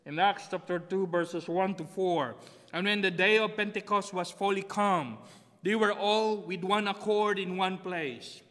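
In a long-reverberating church hall, a middle-aged Filipino pastor, Tagalog by birth, preaches from behind the pulpit to empty pews, repeating key phrases. He speaks high-pitched and unhurried, with fairly even intonation and a fairly bright tone, recorded through a pulpit stand mic and a distant camera.

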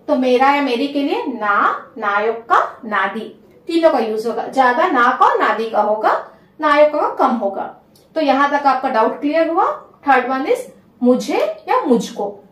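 A woman teaching a spoken language lesson, saying each phrase slowly and repeating it so learners can take notes. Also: high-pitched, a bit bright. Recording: echoey room, a bit far from the mic.

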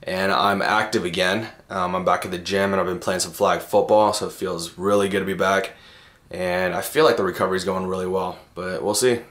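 A man's voice: low voice, steady tone, a little fast, a bit bright. A man in his twenties giving a casual diary update, his mouth slightly swollen after wisdom teeth removal. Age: 20s. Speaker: vlogger. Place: parked car, driveway and bedroom. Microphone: handheld camera at arm's length.

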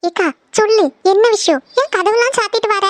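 A woman's voice: very high voice, brisk, noisy background. A woman voicing a caring young aunt in a cartoon, with a concerned, questioning manner.

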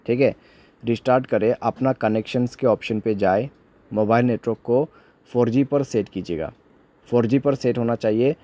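With a mellow, medium-pitched voice, a man from India narrates a voice-over as a tech tutorial host. He guides viewers through fixing phone problems one step at a time, in an instructional manner.

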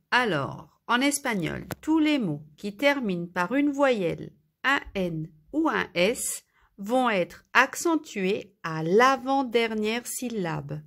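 Slow, careful woman teacher leading a pronunciation lesson, stressing each example word. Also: mid-range voice, fairly bright tone. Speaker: Spanish teacher.

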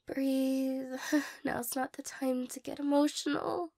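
Heavily acted and taken slowly, this young woman's performance of a timid, insecure, teary girl in a close romantic audio roleplay comes out flat in delivery. She sits high in pitch with a darkish, breathy, creaky voice, halting, stammering and saying sorry.

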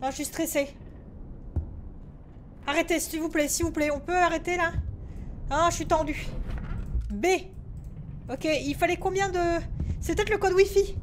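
High-voiced jumpy woman gaming. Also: normal speed, pauses often, a little hiss or hum. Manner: swears a lot, talks to herself, mixes in English words; jumpy and easily irritated. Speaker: streamer playing a horror game. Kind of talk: live gaming commentary.

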